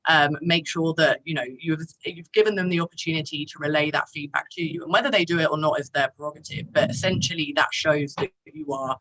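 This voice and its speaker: A woman's voice: sits low, fairly even intonation, fast talker, hardly any pauses, fairly bright tone, poor audio. A woman giving a conversational, encouraging presentation as a speaker at a career talk.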